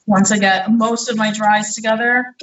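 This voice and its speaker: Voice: medium pitch, steady tone, normal speed, fairly bright tone, far from the mic, a little hiss or hum. A home baker walking through a recipe in a live cooking demonstration, explaining each step in a chatty way with fillers while working, a little out of breath. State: slightly out of breath. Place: home kitchen. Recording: echoey kitchen, speaker away from mic.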